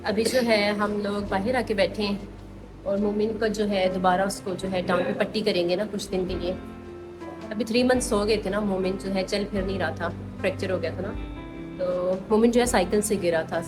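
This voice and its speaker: A woman's voice: medium pitch, steady tone, normal speed, music in the background, rough recording. Chatty Pakistani woman vlogging at home. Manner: chatty, coos affectionately at small children. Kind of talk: casual home vlog chat. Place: family home indoors.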